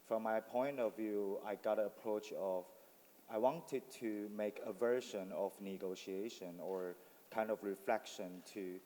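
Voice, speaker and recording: A low-voiced man speaks in a thoughtful, explanatory way with frequent fillers. His voice is mellow and dark. The recording carries the long reverb of a hall. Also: unhurried. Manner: reflective, explanatory, many fillers. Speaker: artist on a panel. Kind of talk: panel talk. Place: forum venue with audience.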